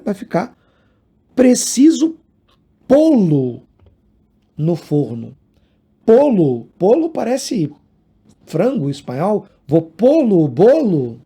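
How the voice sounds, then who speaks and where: Slow, lively teacher, husky man. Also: high-pitched. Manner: explains with examples, asks the viewer questions. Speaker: Portuguese grammar teacher. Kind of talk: casual video lesson.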